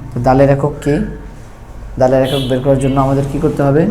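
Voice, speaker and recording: A man teaching Quran reading, explaining step by step and repeating each letter sound slowly. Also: mid-range voice, monotone, warm tone, slight background noise. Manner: slow, repetitive, drawn-out letter sounds. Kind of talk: step-by-step recitation lesson.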